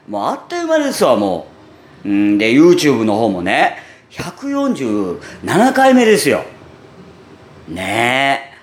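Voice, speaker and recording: A man with a gravelly voice and a Kansai Japanese accent, chatting casually and unaffectedly to listeners as a radio host. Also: mid-range voice. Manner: natural unaffected delivery, chatty, with frequent sentence-final "ne". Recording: roomy echo, faint background noise.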